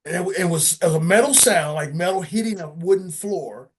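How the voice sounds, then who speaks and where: A man, a session drummer, telling studio stories in a casual interview, lively and acting out sounds with frequent laughs. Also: a little high, a little fast, slight background noise. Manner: animated, acts out sounds and quotes, laughs often.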